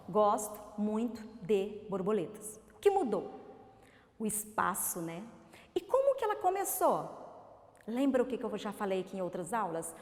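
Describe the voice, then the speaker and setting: A Brazilian woman teaching a recorded literacy lesson to young children, sounding out words slowly syllable by syllable and asking coaxing questions. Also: a little high, a little mellow. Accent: Brazilian Portuguese. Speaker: primary school teacher. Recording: reverberant room.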